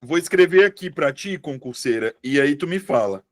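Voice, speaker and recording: Man, teacher, live online class, chatty, keeps asking if students follow, slightly high voice. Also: animated, normal speed. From Brazil. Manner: chatty, asks students constant checking questions. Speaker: Portuguese teacher for civil service exam prep.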